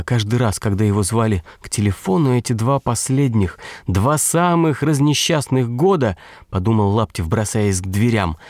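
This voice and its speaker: A man's voice: on the low side, darkish tone, dry recording, clean studio sound. A man reading a story aloud as an audiobook narrator, with a wry, ironic delivery. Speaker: audiobook reader.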